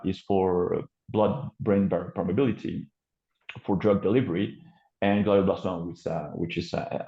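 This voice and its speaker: A Frenchman with a low, creaky voice presents his company's work on a video call, speaking with a French accent. He sounds hesitant, full of fillers and restarts, and the call audio is muffled and roomy.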